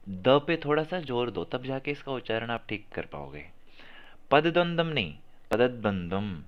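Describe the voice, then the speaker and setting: A man teaching a class on chanting, correcting pronunciation by repeating verses and stressing syllables. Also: mid-range voice. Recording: muffled lo-fi audio.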